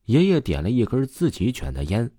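A man's voice: medium pitch, wildly swooping pitch, brisk, dark tone, husky, no room sound, studio quality. A man narrating an audio story in the first person.

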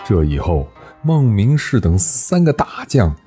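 A man's voice: on the low side, big pitch swings, a little slow, mellow, soft background music. A man telling an ancient history story, narrating with animation and voicing every character.

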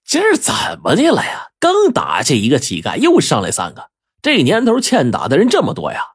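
A man storyteller voicing a loud, arrogant male head waiter who shouts and bullies in a storybook tale. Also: on the high side, huge pitch swings, brisk, breathy edge, pitched above the performer's own voice, exaggerated voice. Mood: scornful. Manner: shouting, bullying.

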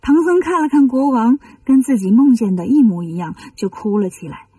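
Woman reading kids stories, kinda high and breathy, dry slightly distant mic. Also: lively intonation, normal speed, dark tone, dry recording. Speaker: children's storyteller. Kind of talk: storytelling for children.

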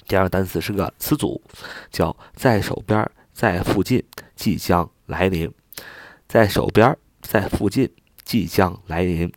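A man's voice: sits low, no echo. A man teaching English vocabulary in a spoken lesson, repeating each word and spelling it out letter by letter. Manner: spells words letter by letter and repeats them slowly.

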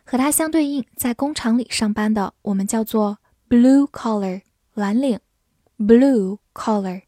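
A woman's voice: a little high, mellow, no room sound, clean studio sound. Patient woman teaching English words. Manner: patient, spells letters out and repeats slowly. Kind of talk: vocabulary lesson, spelling and slow read-alouds.

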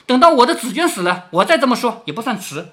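Storybook young lady, sharp tongue, quick, man reading her lines, bright voice. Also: very high-pitched, big pitch swings, pitched above the performer's own voice, exaggerated voice. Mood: teasing.

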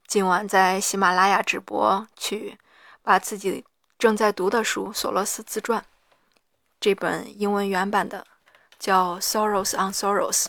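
A woman with a hoarse, gravelly voice, talking reflectively and haltingly in a personal audio diary. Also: mid-range voice, a bit bright, no echo, clean studio sound. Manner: halting, reflective, pausing mid-sentence. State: hoarse after an hour of reading aloud. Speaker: solo audio diarist.

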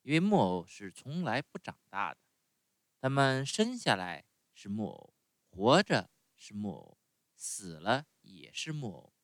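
A man voicing a gentle, motherly fairy woman in a calm, soft way of speaking. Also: lowish voice, measured pace, no echo, full character voice.

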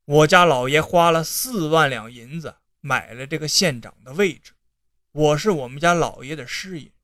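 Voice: medium pitch, moderate pace, a bit bright, dry recording, studio quality, voice pushed down, close to an everyday voice. A narrator voicing a wheedling old county secretary. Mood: pleading. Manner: persuasive, tearful, sudden outbursts. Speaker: con man posing as secretary.

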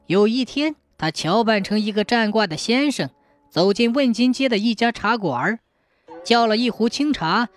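Expressive woman telling a folk tale. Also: medium pitch. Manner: lively, expressive storytelling. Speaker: storyteller. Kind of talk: scripted folk tale narration.

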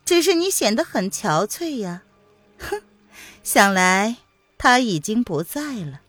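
A woman's voice: on the high side, sing-song, slow, a bit bright, dry recording, soft background music, pitched above the performer's own voice, exaggerated voice. A woman voicing a scheming villainess who poisons people, speaking in a sly, taunting way in a storytelling reading. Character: cold scheming poisoner lady, mocking. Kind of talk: audiobook character voice.

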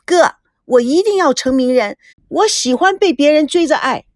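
A woman narrator voicing an excitable young woman who craves fame, gushing and shrill. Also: normal speed, no room sound, clean studio sound. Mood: thrilled.

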